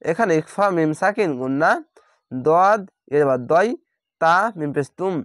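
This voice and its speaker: A man teaching Quran reading, spelling each letter and vowel mark slowly before reciting the word drawn out. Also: on the high side, animated, no room sound, clean studio sound.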